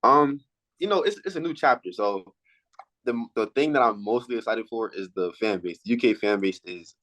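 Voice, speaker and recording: Low-voiced, halting teenage male athlete. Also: fairly bright tone, rough recording. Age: late teens, high school senior. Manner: halting, repeats words as he thinks. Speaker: athlete interviewee. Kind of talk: casual sports interview answers.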